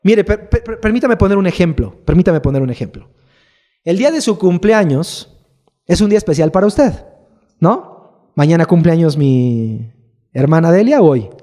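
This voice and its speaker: A man's voice: a little high, animated, normal speed, warm tone. A man preaching a sermon as pastor, talking to the congregation with rhetorical questions. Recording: long hall reverb.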